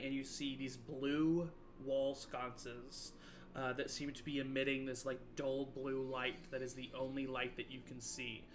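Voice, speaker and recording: A man's voice: mid-range voice, a bit bright, slight background noise. A man speaking through a voice changer, narrating a tabletop game as game master with a hesitant, filler-heavy delivery. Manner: hesitant, many filler pauses.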